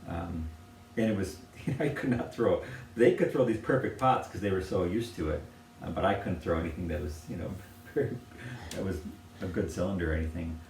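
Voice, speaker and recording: An American potter presents objects in casual conversation, his low, gravelly voice halting with lots of fillers, restarts and soft laughs. He's recorded at a distance in a roomy space with faint noise.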